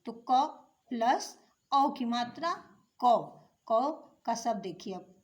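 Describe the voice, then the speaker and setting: A woman's voice: on the high side, animated, slow pace. A woman teaching young children in a patient classroom manner, asking simple questions and repeating each step. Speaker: primary school teacher. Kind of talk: slow classroom explanation of letters.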